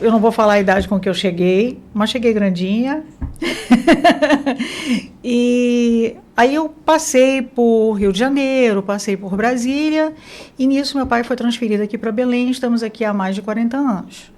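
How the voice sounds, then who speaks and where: A woman from Mozambique, a business consultant, telling her career story as an interview guest in a relaxed way with fillers and self-corrections. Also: on the high side, normal speed. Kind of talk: interview conversation.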